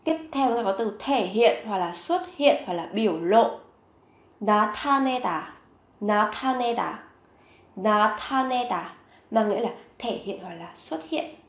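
A woman teaching a vocabulary lesson, saying each word several times, slowly and clearly. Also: on the high side, expressive, reverberant. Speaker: Korean language teacher.

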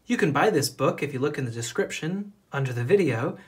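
A children's picture book is read aloud by a narrator whose mid-range voice carries a deliberate, expressive storytelling quality.

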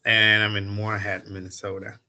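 A man introducing himself slowly on a video call, laughing between phrases. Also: lowish voice, pushed and bright. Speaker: nonprofit executive director.

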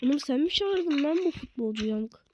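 A woman's voice: high-pitched, expressive, normal speed, highs cut off, noisy background. A woman giving casual gameplay commentary as a streamer, swearing constantly in short blunt exclamations and slangy street talk.

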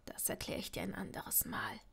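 A proud, secretive young wizard speaks in a hushed, breathy half-whisper, as a woman reading an audiobook puts him on. The voice stays soft and held back, with a high timbre for a man, and it sounds cool and guarded. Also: fairly even intonation, moderate pace. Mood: hushed cold. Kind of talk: audiobook reading of fan fiction.

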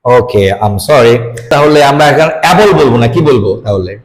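A man's voice: medium pitch, lively intonation, moderate pace, rough recording. A man with a Bangladeshi accent teaching English pronunciation to a student, mixing English and Bengali and playfully pretending to get things wrong. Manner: mixes English and Bengali, playfully feigns mistakes. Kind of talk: playful classroom lesson with a student.

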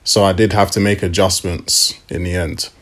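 A young man talking through a sewing tutorial in a relaxed, casual way, with the odd um along the way. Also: low-pitched, normal speed. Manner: relaxed, step-by-step explaining with fillers. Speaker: fashion DIY vlogger. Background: hip hop music.

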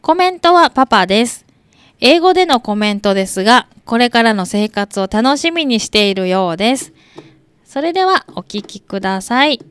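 Woman radio host, gentle chatty delivery, smooth resonant voice, dry close mic. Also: a little high, lively intonation, normal speed, dry recording. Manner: gentle, chatty, soft laughs between remarks. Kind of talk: scripted radio presentation. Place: radio studio.

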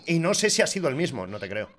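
A man doing crude, joking, excitable reaction commentary on gaming clips. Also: on the high side, a little fast. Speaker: gaming YouTuber.

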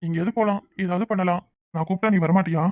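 A man's voice: sits high, steady tone, quick pace, darkish tone, no room sound, lightly acted. A man voicing a proud, devoted young husband who speaks earnestly and makes speeches. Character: proud devoted young husband, brave about being broke.

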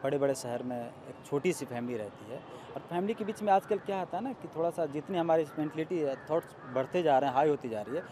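A man giving a measured, explanatory review of a film in a street interview. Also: a little high, expressive, warm tone. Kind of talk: street vox-pop interview. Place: outdoors on a city street. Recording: faint street noise outdoors.

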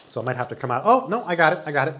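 A man's voice: fairly high pitch, very animated, racing, sharp tone, slight background noise. A man in his forties doing a casual, enthusiastic product review, talking while he handles and demonstrates the item indoors. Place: small indoor room with wood-panel wall.

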